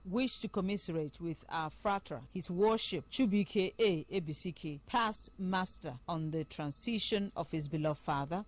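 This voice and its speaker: Low-voiced Nigerian woman announcer. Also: a little mellow. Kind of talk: formal scripted obituary reading.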